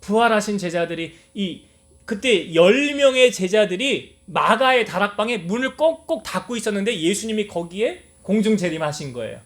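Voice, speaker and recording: A male pastor with a high-pitched voice preaches a sermon in a church. He keeps asking his congregation questions and then answers them himself. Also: lively intonation, normal speed, fairly bright tone. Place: church sanctuary.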